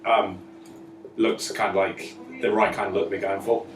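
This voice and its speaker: Low-voiced student, distant and noisy. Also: male voice, little pitch movement, normal speed. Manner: brief, agreeable remarks. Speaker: student in a group planning meeting. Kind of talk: casual group discussion. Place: school classroom. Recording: distant, echoey room with clear noise.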